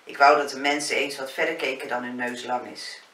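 A woman reading the lines of a wry, gently teasing man in a spoken novel. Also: a bass voice, steady tone, fairly quick. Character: male villa owner, wry and gently teasing. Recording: roomy, distant, faint hiss.

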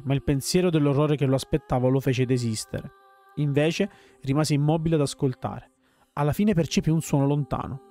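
A man reading a dark game story aloud in a measured, grave storytelling manner. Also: fairly high pitch. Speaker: let's player reading story text.

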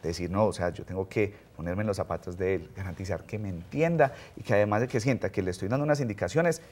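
A man's voice: sits low, fast, a little mellow. A man with a Colombian accent co-hosting a talk show, reflecting on the topic and closing the program. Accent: Colombian Spanish. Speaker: co-host.

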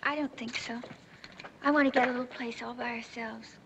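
Actress playing an earnest high-voiced young woman. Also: steady tone, a little fast, background noise, close to an everyday voice. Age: young adult. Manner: earnest, grief-stricken at the end. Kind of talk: 1940s film acting. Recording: muffled 1940s film soundtrack.

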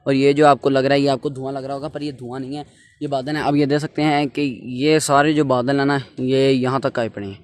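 A teenage young man with a Pakistani accent narrates a casual travel vlog into a handheld phone at arm's length, often repeating himself as he addresses viewers. His medium-pitched voice is level and fairly quick. The noisy phone recording picks up ambient sound.

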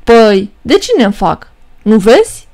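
A woman's voice: a little high, big pitch swings, a little mellow. A woman voicing a bold, mocking young male peasant trickster in a storybook reading. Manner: mocking, bold and quick-witted.

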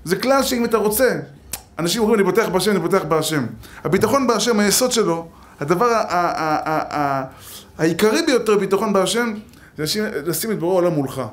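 Male rabbi, lively storytelling sermon, a fairly high voice, acts out quotes. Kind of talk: Torah lesson sermon.

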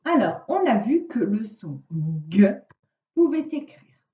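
A woman teacher giving a remote phonics lesson to a child, dictating words slowly and carefully from her computer. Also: on the high side, sing-song, mellow, echoey room, far from the mic, muffled recording. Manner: slow, carefully articulated word dictation.

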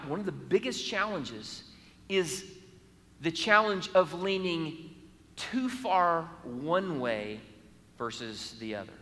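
A man preaching a sermon as pastor, emphatic and repetitive, with frequent halting restarts. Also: on the high side, a bit bright. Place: church sanctuary. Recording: long church hall reverb.

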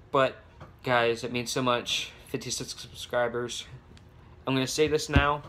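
A young man talks to his phone camera at home in a loose, rambling vlog, restarting his sentences and leaning on fillers. His voice sits at an ordinary middle pitch. A faint hum of noise runs under the recording. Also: fairly bright tone. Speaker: vlogger. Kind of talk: casual vlog. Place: home with babies heard nearby.

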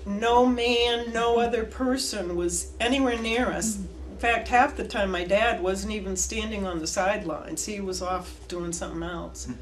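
A woman's voice: mid-range voice, a little slow, hardly any pauses. Older woman telling her story. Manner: animated storytelling, gestures with hands. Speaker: oral history interviewee. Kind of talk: reminiscing interview. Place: indoor room before flags.

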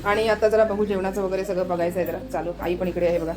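A woman's voice: mid-range voice, fairly even intonation, fast, over music. A woman vlogging at home, chatting casually and pointing things out to her viewers. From Maharashtra. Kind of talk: casual home vlog narration.

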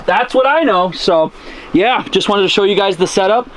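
An enthusiastic young man fronts an outdoor fishing vlog, speaking straight to camera with a slightly high voice. Faint outdoor noise sits behind him. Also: normal speed. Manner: upbeat, enthusiastic, talks to camera. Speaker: outdoor channel host. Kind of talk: energetic vlog presenting. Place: outdoors on a frozen lake, then inside an ice tent.

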